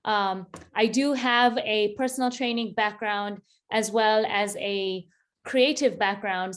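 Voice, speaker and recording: Kenyan-born woman in her thirties, casual interview guest, easygoing, laughs a lot. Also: fairly high pitch. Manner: relaxed, laughs often, many fillers. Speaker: interview guest, business founder.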